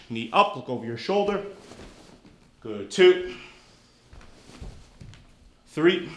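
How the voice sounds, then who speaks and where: A karate instructor, a man with a voice on the higher side, walks students through drills. He counts reps aloud, spells out the terms, and punctuates each set with a sharp kiai. The sound bounces around a reverberant training hall. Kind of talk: instructional class video. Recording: echoey room.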